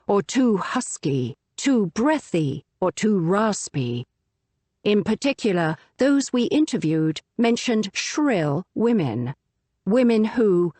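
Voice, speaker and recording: Woman narrating with a lively, varied pitch. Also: dry recording. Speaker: audiobook narrator. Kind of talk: scripted nonfiction narration.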